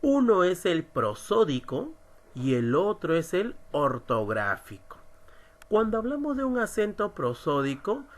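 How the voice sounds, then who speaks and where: Guy teaching class, super slow, stretches out syllables, voice jumps up and down. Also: sits high, huge pitch swings. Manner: slow, emphatic, stresses syllables. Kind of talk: recorded online lesson.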